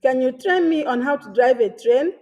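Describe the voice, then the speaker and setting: A woman teaching a grammar lesson, reading each example sentence twice and pausing between short phrases. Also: high voice, animated, dark tone, highs cut off. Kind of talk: slow deliberate grammar lesson.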